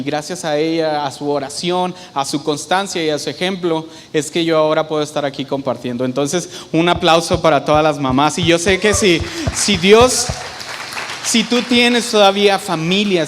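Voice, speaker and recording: A man's voice: on the high side, slight background noise. A young man from Mexico, preaching a sermon in a conversational way and often putting questions to the congregation. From northern Mexico.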